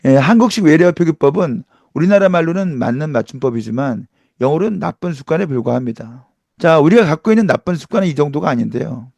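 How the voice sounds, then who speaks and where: Middle-aged male pronunciation teacher, emphatic and animated, fairly high pitch. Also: fast, vocal fry, dry recording. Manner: emphatic, rhetorical questions, demonstrates sounds. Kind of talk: lively online lecture.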